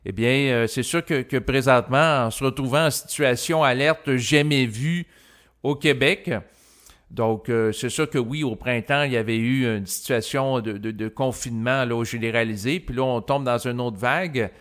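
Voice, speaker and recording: Speaking at medium pitch with a fairly bright tone, a spiritual self-help host from Quebec reflects aloud without a script. His Québécois French accent comes through as he wanders, hesitates frequently and builds long lead-ins before reaching his points.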